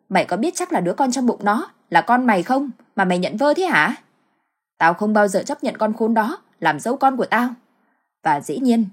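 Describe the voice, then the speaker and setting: A woman's voice: mid-range voice, slightly rough. A woman voicing a cruel scheming old village woman. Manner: wailing then coldly gloating.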